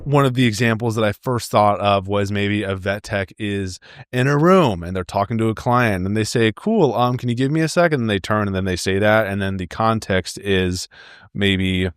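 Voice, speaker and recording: A young man hosts a solo advice podcast, talking straight to his listeners in a friendly, upbeat way. His voice sits fairly low. It sounds dry and close, with no room echo. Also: moderate pace, clean tone. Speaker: podcast host.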